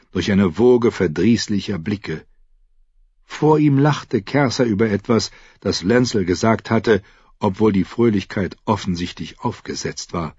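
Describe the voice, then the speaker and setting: A man reading a fantasy novel aloud with dramatic, expressive narration. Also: fairly low pitch, husky, dry recording. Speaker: audiobook narrator. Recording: dry, slightly dull audiobook recording.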